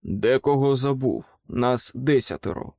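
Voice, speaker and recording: A man voicing an aggressive male ex-soldier who shouts loud, commanding orders. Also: mid-range voice, expressive, unhurried, vocal fry, no echo, studio quality. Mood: gruff.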